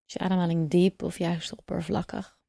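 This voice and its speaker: Meditation guide, female: low, slightly creaky voice, calm unhurried instruction, long pauses, close dry sound. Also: no room sound. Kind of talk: guided breathing meditation narration.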